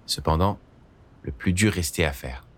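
Deep-voiced male storyteller. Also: normal speed, slight background noise. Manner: calm, storytelling. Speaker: narrator. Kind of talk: scripted narration.

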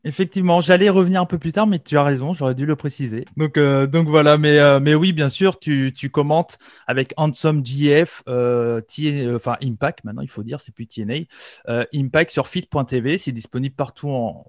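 A man's voice: a little high, normal speed, a little mellow, no room sound. Man, 30s, from France, podcast host, filler-heavy, eager, dead dry sound. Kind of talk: interview hosting.

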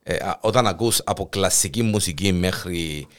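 A man's voice: deep voice, smooth. A man with a Cypriot Greek accent hosting an interview, prompting his guest with many fillers. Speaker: host, interviewer. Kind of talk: casual interview.

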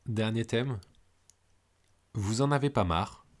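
A man hosting an interview podcast, briskly reading out prompts. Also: fairly low pitch. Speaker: host.

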